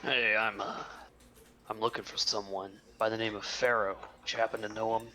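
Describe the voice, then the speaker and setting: A man playing a tabletop game, talking in a relaxed way and laughing often. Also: lowish voice, moderate pace. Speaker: player. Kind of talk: casual tabletop play.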